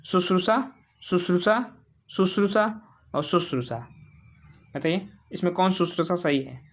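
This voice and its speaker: Speaking at a normal pace in a mid-range voice, a teacher runs through spelling questions for an exam. Each question goes to the viewers first, then gets answered, with every word repeated more than once.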